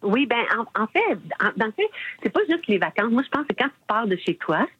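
Middle-aged Québécois woman caller, husky, friendly, muffled phone line. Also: fairly high pitch, sing-song, fairly quick, dry recording. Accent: Québécois French. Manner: friendly, with many restarts. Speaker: radio caller. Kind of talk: casual phone chat.

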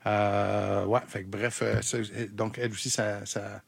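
A man's voice: lowish voice, level tone, a little slow, gravelly, husky, no room sound. Québécois male morning host, chatty, reads messages, dry close studio mic. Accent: Québécois French. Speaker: radio morning show host. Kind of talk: casual radio chat.

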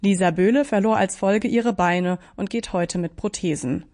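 A woman reporter reading a scripted radio news report in a calm, measured way. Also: medium pitch.

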